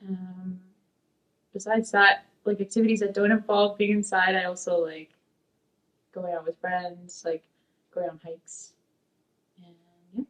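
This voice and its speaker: A woman's voice: fairly low pitch, level tone, a little slow, pauses often, a bit bright, distant mic, rough recording. A young woman from Peru raised in Sacramento, a college student answering oral history questions in a rambling, hesitant way with many fillers. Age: young adult. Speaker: interviewee, community college student. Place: dark studio, seated.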